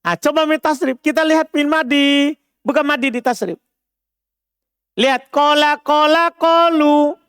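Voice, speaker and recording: A man's voice: extremely high pitch, normal speed, long pauses, fairly bright tone, dry recording, clean studio sound. A man from Indonesia with a Makassar accent, teaching Arabic grammar as a classroom lecture, often quizzing listeners and repeating his phrases.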